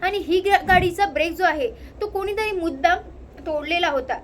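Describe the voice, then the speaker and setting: Calm brave young driver guy, a lady reading him, voice way high. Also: moderate pace, a little hiss or hum. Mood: urgent. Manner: retold quote in narrator's own voice. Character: brave young man driving, calm under danger.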